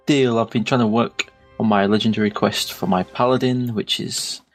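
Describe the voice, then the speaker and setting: A man's voice: on the low side, steady tone, moderate pace, faint music behind. A man with a northern English accent co-hosting a casual gaming podcast, easygoing and a little hesitant, laughing at himself. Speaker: podcast co-host.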